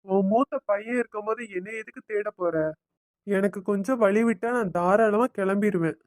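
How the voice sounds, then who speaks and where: A woman's voice: mid-range voice, normal speed, no room sound, studio quality, lightly acted. A woman voicing an angry grown son in a cartoon, indignant and sarcastic. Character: defiant grown son, angry and leaving home.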